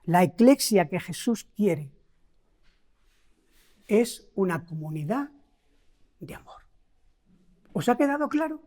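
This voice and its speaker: Preaching to her congregation, a middle-aged Spanish woman with a Spain Spanish accent poses rhetorical questions and emphasizes key words. She speaks slowly with long pauses and big pitch swings, in a warm, mid-range voice.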